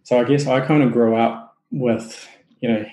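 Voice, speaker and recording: Speaking at a normal speed in a mid-range voice, a New Zealand man talks loosely about his business as a guest on a podcast. The audio is reverberant and poor. His easygoing interview chat is packed with fillers and false starts.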